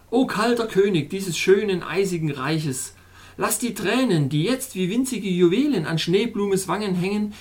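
An audiobook narrator reading a fairy tale in the first person in a measured, expressive way. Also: medium pitch. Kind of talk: scripted storytelling narration.

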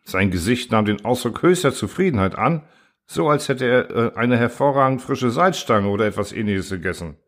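A man reading a first-person science fiction story aloud in a calm, even storytelling manner. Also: medium pitch, moderate pace. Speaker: audiobook narrator.

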